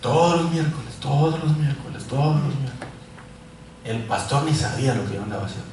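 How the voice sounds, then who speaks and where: A man from Mexico, preaching a sermon full of personal testimony and swinging from loud calls to quiet asides. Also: mid-range voice, brisk. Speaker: pastor. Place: large echoey church hall. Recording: echoey church hall, mic far off, faint noise.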